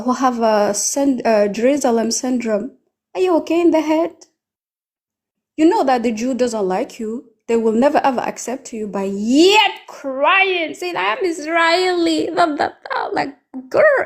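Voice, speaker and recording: High-voiced woman, slow and taunting. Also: a little mellow. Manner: mocking, taunting. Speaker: livestream debate panelist. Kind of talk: heated live-stream argument.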